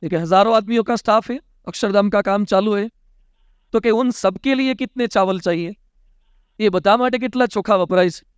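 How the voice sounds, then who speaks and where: A man's voice: high-pitched, fairly quick, clean tone, no echo, studio quality. A man, a monk giving a sermon, telling anecdotes in a conversational way and acting out the dialogue. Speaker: monk giving a religious discourse. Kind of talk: storytelling sermon.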